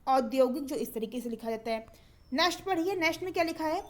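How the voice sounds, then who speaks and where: A woman with a high voice leads an exam-prep spelling lesson. She works through each word slowly and repeats it again and again. She keeps asking the viewer what comes next in a patient, repetitive way. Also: animated. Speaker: Hindi teacher.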